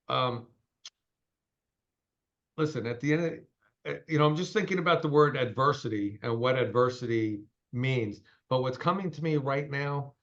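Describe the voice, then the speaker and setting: Ceo guy in his 60s talking fast and forceful, kinda dull lo-fi call sound. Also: mid-range voice. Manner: emphatic, straight-talking, fast bursts. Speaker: company CEO guest. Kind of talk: interview over a call.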